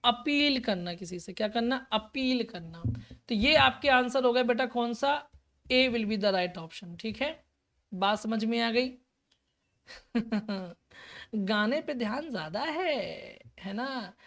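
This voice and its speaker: Fairly high-voiced woman teacher, encouraging, spells stuff out slow, keeps checking everyone follows. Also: fairly bright tone. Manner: encouraging, calls students "beta", repeats and spells words slowly. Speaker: exam-prep teacher. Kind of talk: live online class.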